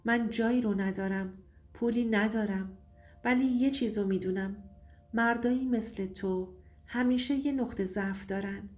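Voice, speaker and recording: A woman voicing a menacing, mysterious female hitchhiker who speaks calmly and threateningly, over faint music. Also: mid-range voice, natural voice. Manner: calm, threatening.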